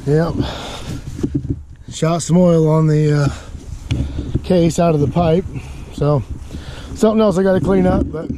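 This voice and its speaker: A man with a fairly high voice, out of breath, rambling apologetically in a casual vlog. He is recorded outdoors on rural land, with loud vehicle and outdoor noise behind him. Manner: rambling, apologetic, many fillers. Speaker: motorbike vlogger.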